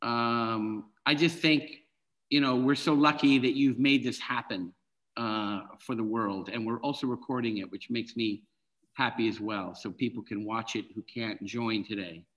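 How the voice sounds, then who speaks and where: A man's voice: medium pitch, unhurried, poor audio. A middle-aged man, a film director and guest, speaking casually over a video call and acting out dialogue as he tells stories. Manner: animated, acts out dialogue in anecdotes. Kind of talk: casual storytelling.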